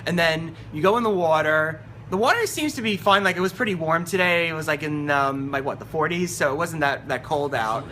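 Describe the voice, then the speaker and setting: A man giving informal commentary as a reviewer, in a rambling, halting way with repeated words. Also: a little high, bright, forceful tone, slight background noise. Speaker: movie reviewer. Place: New York area.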